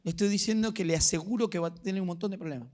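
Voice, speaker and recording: A man's voice: sits high, rapid-fire, a little mellow. A middle-aged man with an Argentine accent preaching a sermon, telling stories and asking rhetorical questions. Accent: Rioplatense Spanish. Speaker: pastor.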